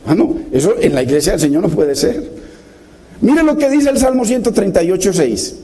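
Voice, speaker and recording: A man preaching a sermon, his voice pitched high yet dark and mellow in tone. He exhorts his listeners passionately, asking question after question and calling them to listen. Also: big pitch swings, moderate pace. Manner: impassioned, exhorting, repeated direct address.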